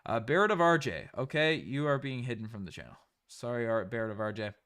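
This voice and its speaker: A man's voice: mid-range voice, expressive, fast, fairly bright tone. A man from Canada with a light Newfoundland accent, hosting a casual sports livestream and often repeating phrases for emphasis.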